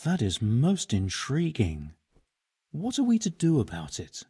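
Husky, learned medieval monk. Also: male voice, mid-range voice, wildly swooping pitch, unhurried, warm tone, full character voice. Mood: studious. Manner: bookish, precise, dry. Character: learned, matter-of-fact medieval monk physician. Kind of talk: video game dialogue acting.

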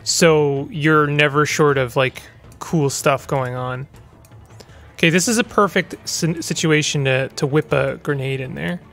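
A man's voice: on the high side, unhurried, a bit bright, faint music behind. A man hosting a gaming channel, giving rambling, chatty let's play commentary with stumbling restarts.

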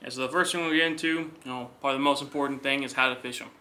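A young man co-hosting a fishing channel, explaining technique in a quick, relaxed way with filler words. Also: medium pitch. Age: young adult. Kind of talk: casual gear talk to camera. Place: indoor living room.

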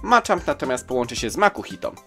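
Enthusiastic collector host reading a magazine out, really lively pitch, soft music behind. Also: quick pace. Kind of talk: reading a comic aloud.

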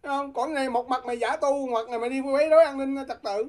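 A woman's voice: high-pitched, fairly even intonation, quick pace, a little mellow. A woman from Vietnam, a guest talking politics in a heated, combative way and repeatedly challenging her listeners.

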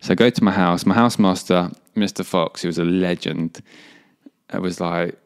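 Young English male podcast guest, deep and low, easygoing, rambling storyteller. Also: steady tone, moderate pace, clear, resonant tone. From England. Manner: laid-back, rambling, laughs while telling stories. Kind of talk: casual storytelling chat.

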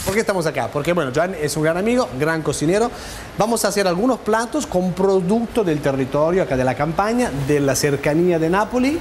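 Higher-pitched Argentine man presenting over noise. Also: animated, fast talker, a little mellow. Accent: Argentine Spanish. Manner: chatty, interjecting, repeats others' words. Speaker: TV cooking and travel host. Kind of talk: casual presenting, switching between Spanish and Italian. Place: hotel and large professional kitchen. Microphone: lapel. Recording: clearly noisy location sound.

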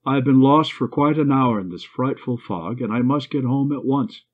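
A man's voice: mid-range voice, moderate pace, natural voice. Man voicing a haughty, spirited young lady; lo-fi dull audio. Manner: proud, a little condescending. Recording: dull lo-fi recording.

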